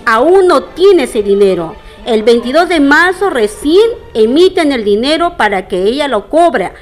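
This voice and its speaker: Indignant high-voiced middle-aged woman. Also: lively intonation, measured pace, faint music behind. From Peru. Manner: indignant, formal, addresses the townspeople directly. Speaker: interviewee. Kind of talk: public statement to camera.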